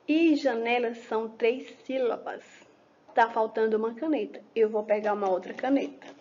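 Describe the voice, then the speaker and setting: A woman's voice: fairly high pitch, darkish tone, lo-fi sound. A woman teacher giving a patient lesson explanation to young children, asking questions and answering them herself. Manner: slow, patient, asks and answers own questions.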